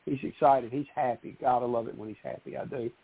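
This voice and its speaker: A man calling in to a radio show over a phone line, chatting casually in an animated, rambling way. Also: medium pitch, quick pace, breathy edge. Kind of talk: casual on-air chat.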